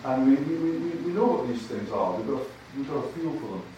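In an echoey large lecture hall, a handheld mic heard from a distance catches faint noise and an older Scottish man's medium-pitched, mellow, expressive voice. He talks fast as a guest lecturer, giving a chatty, self-deprecating academic lecture and frequently repeating himself.

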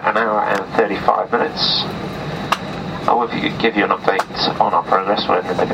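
Deep-voiced male pilot on a noisy cabin PA. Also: creaky. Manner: hesitant, pausing often mid-sentence. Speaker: airline first officer. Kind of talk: informal pilot's cabin announcement. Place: aircraft flight deck, over PA. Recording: distant cockpit PA, loud aircraft noise.

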